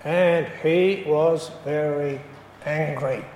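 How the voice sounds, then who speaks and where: A man preaches in a high, unhurried voice. He tells his story and drives home each point with emphasis. His words ring through a roomy church hall with a long echo. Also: fairly even intonation, darkish tone, a little hiss or hum. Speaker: pastor. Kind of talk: sermon.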